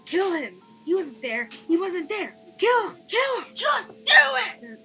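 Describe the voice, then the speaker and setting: Woman doing shrill chanting voices in a head. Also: big pitch swings, unhurried, highs cut off, full character voice. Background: background music.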